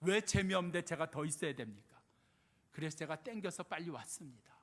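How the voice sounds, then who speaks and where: A man's voice: on the high side, lively intonation, fairly quick, fairly bright tone. An older man preaching as a pastor, firing off rhetorical questions with swelling and dropping emphasis, in a church sanctuary. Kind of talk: sermon. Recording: long hall reverb in a church.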